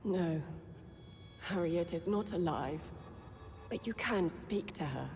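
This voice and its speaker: Low-voiced proud old undead matriarch. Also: female voice, lively intonation, slow, darkish tone. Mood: grave. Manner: stern, solemn, archaic phrasing. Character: old female undead leader, proud, guarded, protective. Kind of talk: dramatic video game voice acting. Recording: long hall reverb, music underneath.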